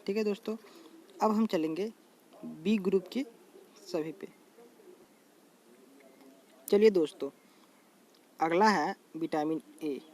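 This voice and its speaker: A man's voice: high-pitched, warm tone. A man explaining a general knowledge lesson in a casual, repetitive way, often calling out to his viewers as friends. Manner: addresses viewers as friends, repeats terms slowly. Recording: faint background noise.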